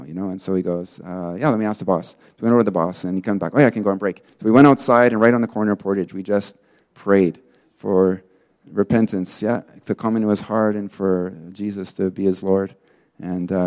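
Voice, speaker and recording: Male preacher, lower register, relaxed testimony style with filler words and animated quotes. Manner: casual storytelling, many fillers; acts out quoted people in lively bursts. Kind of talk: sermon testimony.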